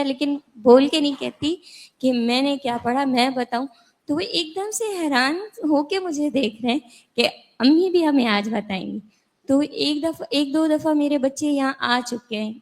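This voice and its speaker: Woman, mother, class participant, animated storytelling, high voice. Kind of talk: telling a personal story.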